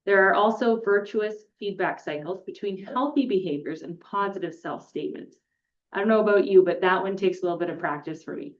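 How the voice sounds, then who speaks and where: A woman facilitator explaining a skills lesson in a relaxed, plain way. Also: medium pitch, fairly quick. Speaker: group facilitator. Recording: dull lo-fi recording.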